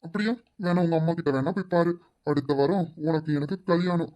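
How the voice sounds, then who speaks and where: A woman's voice: fairly low pitch, brisk, warm tone, natural voice. A woman voicing a lecherous, pampered young man who taunts and leers at a servant's daughter. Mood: leering. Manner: leering, taunting.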